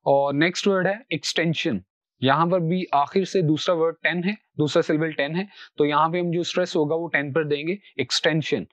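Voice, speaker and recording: A man teaching word stress in Urdu. He explains each rule, then says every example word twice, slowly and carefully. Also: on the high side, steady tone, dry recording. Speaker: English pronunciation teacher. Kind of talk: recorded lecture.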